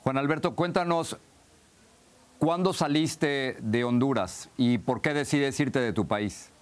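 A man hosting a news podcast, interviewing a guest in a slow, deliberate, emphatic way. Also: mid-range voice, smooth.

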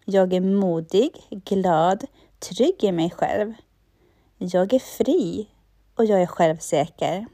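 Woman guide for affirmations, unhurried and soothing, dark mellow voice, dry recording. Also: medium pitch, no echo. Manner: slow, calm, repeats lines for the listener.

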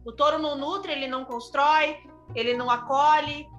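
Bright high-voiced woman. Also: normal speed, highs cut off, faint music behind. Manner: animated, exclamatory. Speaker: podcast co-host, mother. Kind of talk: casual chat.

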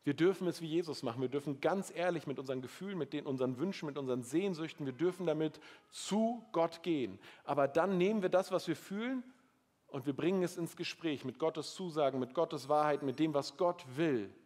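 A man preaching a sermon, passionate, moving between quiet intensity and loud emotional appeals. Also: a little high, a little fast. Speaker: pastor.

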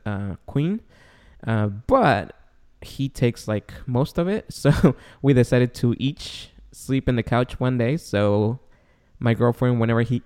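A smooth, mellow, mid-range voice belongs to a young man hosting a casual podcast conversation in English, which isn't his native language. The space is a large, high-ceilinged apartment room that echoes like an empty warehouse.

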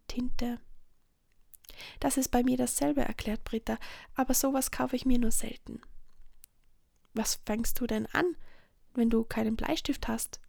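Woman whispering a storybook, gravelly. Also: fairly high pitch, no echo, studio quality. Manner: soft whisper, gentle and slow, with small slips and restarts. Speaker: reader of a children's story. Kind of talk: whispered story reading, ASMR.

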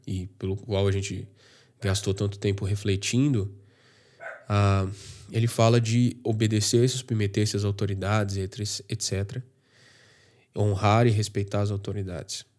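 A man's voice: fairly low pitch, fairly even intonation, measured pace, mellow. A man giving a casual, conversational Bible reflection, thinking aloud with fillers and slang. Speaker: Bible study presenter.

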